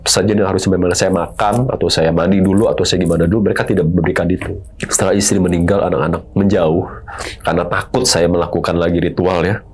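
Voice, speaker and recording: Husky low-voiced middle-aged man. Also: fairly even intonation, fast talker, a little mellow. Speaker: guest telling his story. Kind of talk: emotional confessional storytelling.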